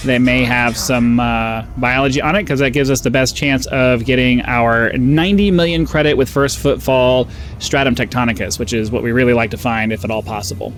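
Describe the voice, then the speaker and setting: With faint music in the background, a man with a mid-range, somewhat nasal voice delivers casual gameplay commentary at normal speed and fairly even intonation. As a gaming channel host, he drifts off topic often and fills gaps with "um"s and similar.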